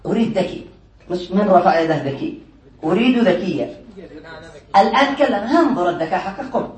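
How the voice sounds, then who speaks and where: High-voiced sheikh teaching in an echoey room. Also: male voice, expressive, brisk, distant mic. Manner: quizzes students, teasing and playful. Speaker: sheikh teaching Arabic grammar. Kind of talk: classroom lesson. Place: classroom with students.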